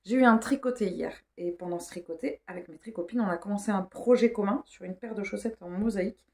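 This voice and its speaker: A woman's voice: medium pitch, quick pace, warm tone. A woman chatting casually for a vlog, informal and hesitant as she thinks aloud. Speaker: vlogger. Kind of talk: casual rambling vlog chat.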